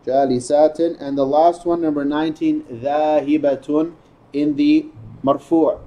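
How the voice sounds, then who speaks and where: A man's voice: on the high side, level tone, unhurried, dark tone. A man teaching a class, drilling words and patiently correcting and praising students. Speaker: Arabic teacher.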